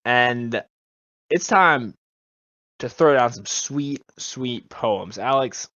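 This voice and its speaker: A young man co-hosting a podcast in casual, playful chat that is often halting. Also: mid-range voice, lively intonation, sharp tone, no echo. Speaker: podcast co-host. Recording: dull lo-fi recording.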